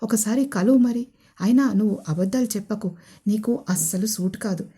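A woman's voice: mid-range voice, normal speed, dark tone, slightly rough, lightly acted. A woman voicing a confident young husband who teases and coaxes his wife. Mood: teasing. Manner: teasing, coaxing.

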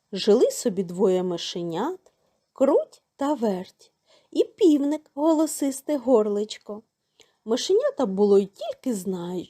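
A woman reading a folk tale aloud to children in a slow, singsong storybook narration. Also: mid-range voice, warm tone.

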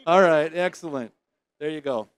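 A man's voice: a little high, moderate pace. A man hosting a prize giveaway at a trade show lounge, teasing winners and joking in a playful emcee patter. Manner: teasing, playful, loud bursts of excitement. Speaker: host drawing prize winners.

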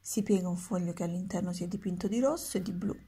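A woman's voice: on the low side, quick pace, mellow, slight background noise, natural voice. A woman voicing a curious, doubtful schoolboy in a storybook, who protests and questions.

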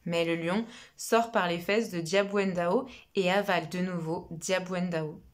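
A woman telling a children's story in an expressive storytelling voice. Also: lowish voice, a little slow.

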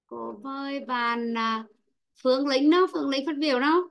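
A woman's voice: high voice, moderate pace, vocal fry. A woman teaching an online English lesson, patiently calling on pupils by name and explaining word stress. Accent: Vietnamese.

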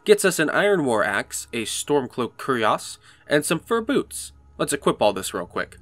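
A man's voice: mid-range voice, big pitch swings, moderate pace, fairly bright tone, slight background noise. A man narrating a game walkthrough in a casual, explanatory way. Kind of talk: casual gameplay commentary.

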